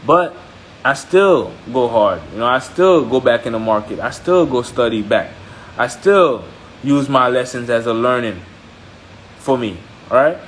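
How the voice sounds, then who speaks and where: A man from Haiti, a trading mentor, gives a motivational live-stream talk in an expressive, medium-pitched voice, a little slow. Blunt and emphatic, he repeats points and checks in with listeners, with a little hiss or hum audible.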